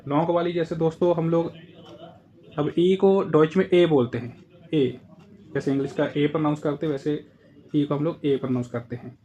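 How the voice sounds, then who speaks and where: A man's voice: on the high side, fairly even intonation, moderate pace, warm tone. A man with an Indian accent teaching a casual lesson, patiently explaining and repeating the example words. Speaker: German language teacher.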